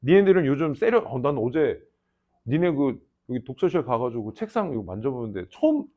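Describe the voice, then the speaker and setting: Male teacher, young adult, casual teasing lecture, animated pitch, dull lo-fi recording. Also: a little fast. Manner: teasing, banmal lecturing with lively asides. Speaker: English teacher. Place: classroom.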